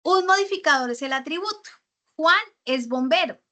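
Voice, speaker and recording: A woman's voice: high voice, expressive, normal speed, sharp tone. A woman teaching a writing workshop, explaining grammar with example sentences and often checking in with "right?" and small fillers. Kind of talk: online writing workshop lesson.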